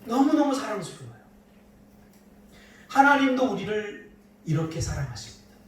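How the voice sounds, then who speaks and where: A middle-aged pastor, very animated and at a normal speed, preaches a sermon while teasing his congregation with playful asides. His high-sitting voice swings widely in pitch, captured from a distance in a very echoey church sanctuary with faint background noise.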